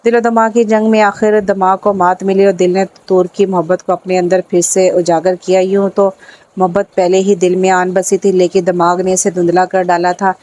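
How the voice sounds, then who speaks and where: Woman narrator for a romance audiobook, low and flat, steady and even. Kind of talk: scripted narration of a romance novel.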